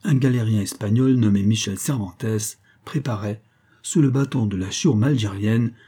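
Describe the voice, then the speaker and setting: A man narrating a classic novel as an audiobook, reading in a measured, dramatic way. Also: on the low side, warm tone, slightly rough. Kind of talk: scripted narration.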